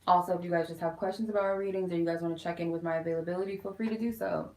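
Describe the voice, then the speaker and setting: Speaking at a racing pace in a low-leaning, steady, slightly mellow voice, she livestreams a casual tarot reading from her quiet home room. Her manner is chatty and informal, addressing the audience as "you guys," and the sound is reverberant.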